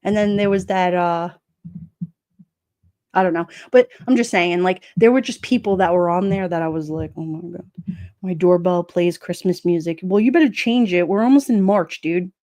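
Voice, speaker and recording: A middle-aged woman with a New York accent, casually chatting on a livestream, sassy and quick to laugh. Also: medium pitch, darkish tone. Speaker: livestream host reading chat. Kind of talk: casual chat.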